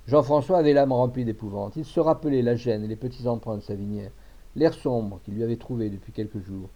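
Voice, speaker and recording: A male narrator reads a classic tale in a measured, expressive way. His voice is mellow and warm, and the recording sounds dull and lo-fi. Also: medium pitch. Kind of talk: audiobook reading of a classic tale.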